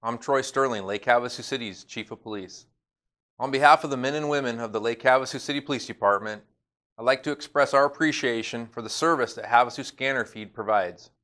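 A middle-aged man with an American accent, speaking as a police chief and delivering a formal, measured, scripted public service message. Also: mid-range voice, a bit bright. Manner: formal, measured official address. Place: indoors in an office by a window.

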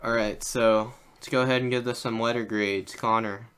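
A man's voice: medium pitch, moderate pace, smooth. A young man hosting a casual cartoon rewatch podcast, talking loosely with lots of fillers and leading the grading. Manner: relaxed, filler-heavy, leads the grading. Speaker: podcast host. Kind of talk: casual chat.

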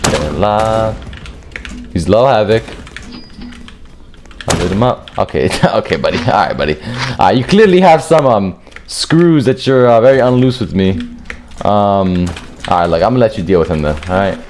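A man's voice: expressive, normal speed, darkish tone, a little hiss or hum. Trash-talking young man gaming live. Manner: profane trash talk, jumps into high yelps. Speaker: gamer and video creator. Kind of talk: live gameplay commentary.

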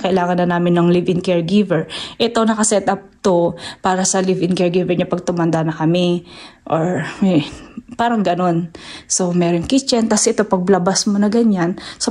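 Showing off her large home, a homeowner from the Philippines talks casually to her vlog audience as she moves from the basement to the snowy outdoors. She has a mid-range, somewhat dark voice, a Filipino accent, occasional halts, and a habit of mixing in English. It's captured on a noisy handheld device while she walks.

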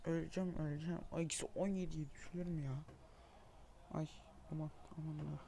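A high-voiced young man rants through his gameplay, swearing and shouting in frustration. His voice has a gravelly fry to it, and faint noise hums underneath. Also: level tone, fast. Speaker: gaming video creator.

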